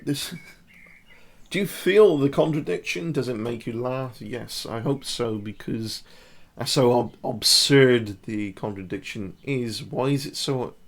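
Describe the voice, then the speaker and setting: A man giving casual body-language commentary to camera, talking the viewer through poses and demonstrations. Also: mid-range voice.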